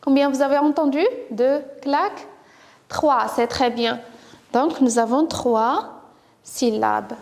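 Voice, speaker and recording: A woman teacher with a Moroccan accent leads young children through French sounds, her high voice drawing each word out slowly and patiently. She praises often and repeats words syllable by syllable. The sound trails off in a long, hall-like reverb. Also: creaky, a little mellow. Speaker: primary school teacher. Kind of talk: first-grade French phonics lesson.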